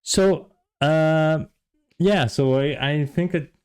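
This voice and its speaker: A Brazilian man in his thirties, a vlogger and software developer, casually tells his story to camera in a Brazilian Portuguese accent, with many fillers and restarts. His fairly high voice is slow, slightly mellow and clean in tone.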